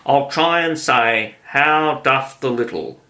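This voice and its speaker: A man's voice: mid-range voice, slow, creaky, pushed and bright, full character voice. A man reading the part of a curious young girl who talks to herself in wonder. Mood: puzzled. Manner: musing aloud to herself.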